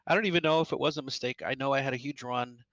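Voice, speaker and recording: Earnest bright-voiced male racer. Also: medium pitch, dry recording, muffled recording. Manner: earnest, animated, quick recap. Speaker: sim racing driver. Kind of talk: post-race interview.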